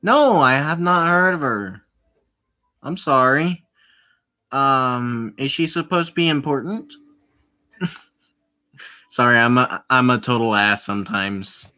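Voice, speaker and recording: While playing a visual novel on a live stream, a streamer chats with viewers in a very slow, drawn-out way, rambling, doubling back, and breaking into quick apologies with many restarts. The voice is bright, clear, and medium-pitched.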